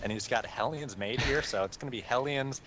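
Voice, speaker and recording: A man's voice: medium pitch, brisk. Chill guy casting a strategy game, lots of uhs, noisy hissy mic, laid back. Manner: relaxed, chuckling, thinks aloud with many fillers. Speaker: esports caster. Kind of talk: live game commentary.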